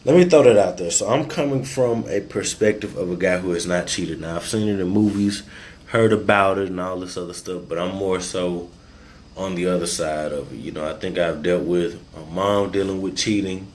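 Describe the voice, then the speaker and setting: A man's voice: deep voice, normal speed, a little hiss or hum. A man hosting a podcast, talking loose and rambling after a few drinks, freestyling his thoughts. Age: adult, married. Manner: loose, rambling, tipsy and relaxed. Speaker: podcast host. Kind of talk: casual freestyle podcast monologue.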